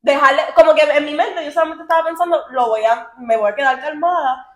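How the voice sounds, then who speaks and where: A woman's voice: sits high, a little fast. A young woman chiming into a shared story, adding details. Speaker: vlogger. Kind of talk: storytime chat. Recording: echoey room.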